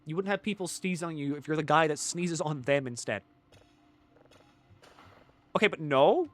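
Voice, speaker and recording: A man with a slightly high voice and a cold, chatting loosely over his gameplay stream. He rambles, swears freely and jokes around, sliding from half-mumbled asides to sudden loud bursts when he commits to a bit. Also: normal speed. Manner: rambling, joking, swears often, swings from mumbling to loud bits. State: has a cold. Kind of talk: casual gaming stream chat.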